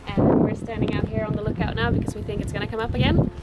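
A woman's voice: medium pitch, level tone, fast, very noisy. A young woman chatting casually into her phone aboard a sailing boat, upbeat, with frequent fillers. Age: young adult. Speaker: vlogger. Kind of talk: casual travel vlog. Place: sailing boat, cabin and open deck. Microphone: phone at arm's length. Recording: music playing underneath.

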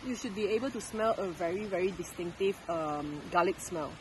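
A woman's voice: fairly low pitch, brisk, noisy background. A young woman, chatting and explaining in a casual vlog, recorded outdoors in woodland by a stream on a handheld camera. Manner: chatty, explaining as she walks. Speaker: vlogger. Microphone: camera held at arm's length.

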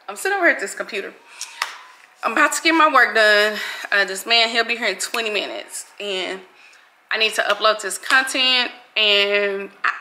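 Brief: woman, 40s, vlogger, very bright edge, slightly high voice, loose casual chat with preachy bursts.

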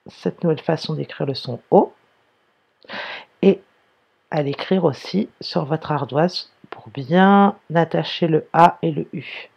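A primary school teacher giving a slow, careful reading lesson to young pupils, sounding out and spelling words one by one. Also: mid-range voice, gravelly, husky, highs cut off.

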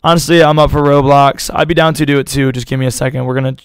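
A man's voice: medium pitch, steady tone, racing, clear, resonant tone, dry recording. A young man streaming live, rambling casually to his chat in slangy talk, his voice a little worn out.

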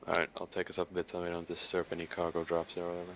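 A man's voice: low voice, completely flat delivery, racing, a bit bright. A man speaking casually as a pilot in a military sim game, with occasional radio calls. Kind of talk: casual gaming chat with some radio calls. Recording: voice chat with faint background noise.

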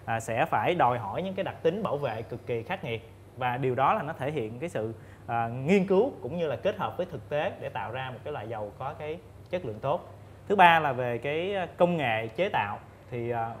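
A man in his thirties, a guest expert on a studio panel, explaining methodically with frequent pauses and fillers, on a lapel mic. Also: mid-range voice, slight background noise. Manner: measured, explains step by step with many fillers. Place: indoor TV studio set.

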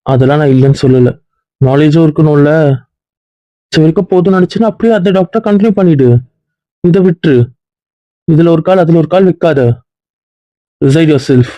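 Male actor as a brisk, reproachful dean; quick, dry, slightly dull recording. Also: fairly high pitch, mellow, no room sound, natural voice. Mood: stern. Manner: lecturing, reproachful. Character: stern male college dean scolding a student. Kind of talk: web series drama acting.

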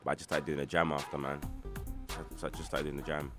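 Very deep-voiced East London man. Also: flat delivery, fast, over music. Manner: laid-back storytelling with slang. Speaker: rapper guest. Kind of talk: casual interview chat.

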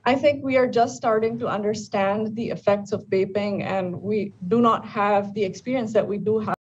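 A woman in her thirties, an oncologist, explaining things in a measured way with frequent ums during a live news interview over video call. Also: medium pitch, fairly even intonation, darkish tone. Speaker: lung cancer oncologist. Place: bright indoor room. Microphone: video call from home or office. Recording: distant, dull video-call audio with faint room noise.

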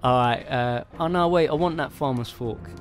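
Playing solo, this gamer keeps up a relaxed, chatty running commentary, chuckling and mumbling to himself in a mid-range male voice at an ordinary pace. Faint game music can be heard behind him.

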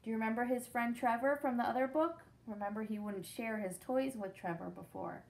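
Reading a picture book aloud for young children, a thirties-aged teacher speaks fairly quickly in a higher-than-average voice that's gravelly and darkish. She reads expressively, explains things simply, and questions the children. She's in a small indoor room with a brick-patterned wall.

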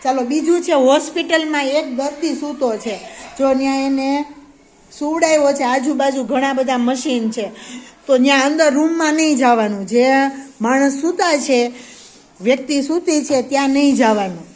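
A woman's voice: high voice, normal speed, darkish tone. A woman teaching a preschool class, asking the children questions and praising their answers. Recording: faint background noise.

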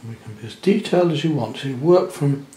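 Gentle man teaching watercolour. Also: on the high side, animated, fast talker, echoey room. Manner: gentle, chatty, thinking aloud while painting. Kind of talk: painting demonstration narration. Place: indoor studio at the easel.

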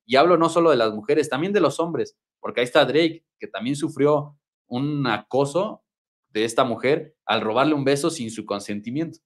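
A man's voice: mid-range voice, moderate pace. A man with a Mexican accent, co-hosting a casual talk show, speaking in an indignant, emphatic way. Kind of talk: casual chat.

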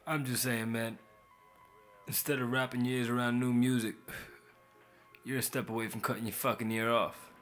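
A man's voice: mid-range voice, steady tone, normal speed, long pauses, a bit bright, faint music behind, close to an everyday voice. A man in a short film, trading sardonic, profane banter and narrating in voice-over.

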